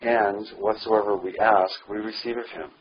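A man reading a devotional book aloud in earnest, measured scripted narration that swells on key phrases. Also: on the low side, steady tone, slightly rough, lo-fi sound. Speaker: audiobook reader.

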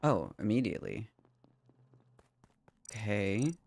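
A man's voice: on the low side, wildly swooping pitch, takes it slowly, gravelly. A man streaming a social deduction game with friends, joking and talking himself through his tasks on voice chat. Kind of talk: casual gaming chat. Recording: noisy mic with clicks.

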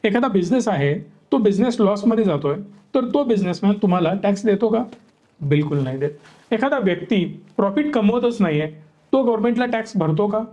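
A young man with a high, mellow voice gives an opinion talk straight to the viewer. He stacks up rhetorical questions and rattles off lists of points, building an argument step by step. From Maharashtra, India. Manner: rhetorical, questioning, listing points in rapid series. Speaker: stock market educator.

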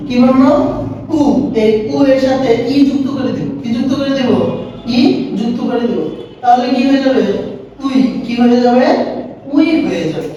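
A woman's voice: high voice, warm tone, far from the mic, muffled recording, slight background noise. A woman teaching a language lesson, asking a question and then answering it herself in repetitive drills. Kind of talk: classroom-style language lesson. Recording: very echoey room, voice away from the mic.

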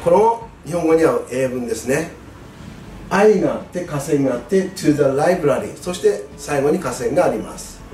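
A man tutoring exam students in English grammar, patient and clear, stressing key words with a rise in pitch. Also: a little mellow, distant mic, a little hiss or hum. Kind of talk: lesson explaining grammar. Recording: echoey room, voice away from mic, faint music.

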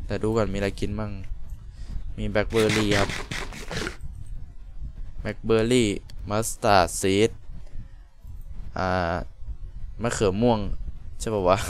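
A man's voice: lowish voice, smooth. A young man giving casual, crude, joking commentary while playing a computer game on a desk mic. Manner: crude, joking, self-mocking. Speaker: gaming YouTuber. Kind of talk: casual Let's Play commentary. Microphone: desk mic with noise reduction.

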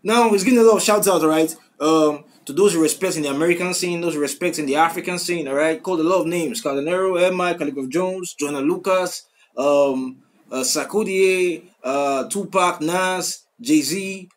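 Excitable man hosting a reaction video. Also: fairly high pitch, moderate pace. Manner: excitable, repeats "bro" and phrases over and over. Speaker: music reaction channel host. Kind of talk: casual reaction commentary.

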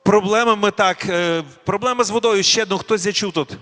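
A man giving a sermon. He speaks slowly and deliberately and puts questions to the audience. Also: high-pitched, a bit bright. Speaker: preacher. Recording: long reverb of a hall.

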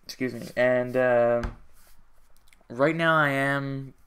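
A young man talks through a casual update on his gaming channel from home. His voice is bright and crisp, and he rambles with frequent fillers, self-corrections and half-finished sentences. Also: medium pitch, steady tone, slow. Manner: rambling, hesitant, many fillers and restarts.

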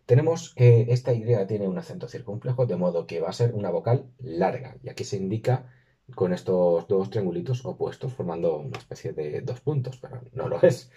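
A man talks through a screen-recorded lesson. His voice is low and husky. He slows down to sound out each word with care, and the recording is dull and lo-fi. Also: warm tone. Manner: careful, slows and stresses words when modelling pronunciation. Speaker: language teacher.

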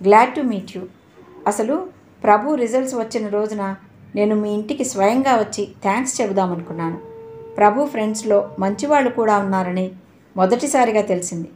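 A woman voicing a short-tempered, blunt, wealthy middle-aged father in a storybook reading, speaking loudly and abruptly. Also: mid-range voice, normal speed, slight background noise, close to an everyday voice. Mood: apologetic. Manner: scolding, loud and abrupt.

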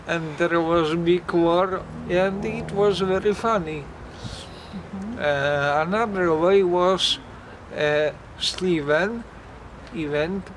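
A young volunteer from Poland answers questions outdoors on a playground in slow, halting English full of fillers and restarts. His voice sits a little high, and a clear hum of outdoor noise runs under it. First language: Polish. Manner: slow, hesitant non-native English with many fillers.

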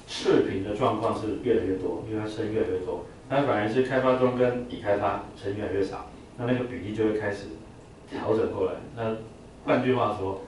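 A male teacher lectures on vocabulary, peppering his explanations with "啊" and leading drills. His fairly low voice comes from across a very echoey classroom. Faint noise sits under the recording. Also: darkish tone, far from the mic. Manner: explains with frequent "啊" fillers, drills words for the class to repeat.

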